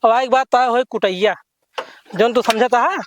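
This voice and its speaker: A man's voice: very high voice, moderate pace, a little hiss or hum. A man playing a meddling, conspiratorial village gossip in an amateur comedy skit, with an Awadhi accent. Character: meddling village gossip spreading an elopement rumour.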